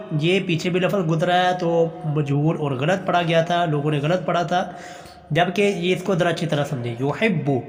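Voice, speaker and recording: A man teaching Quran recitation, drawing out verses slowly and explaining each word in quick, patient steps. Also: fairly high pitch. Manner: slow drawn-out recitation between quick explanations; patient, repeats and urges practice. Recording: echoey room with long reverb.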